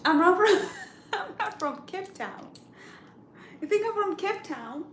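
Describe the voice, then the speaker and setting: Sore throat and all, this East African livestream host laughs a lot and pokes fun at her viewers' guesses during a casual live chat. Her very high voice is animated, slightly bright, and a little slow. There's a faint hiss or hum in the recording.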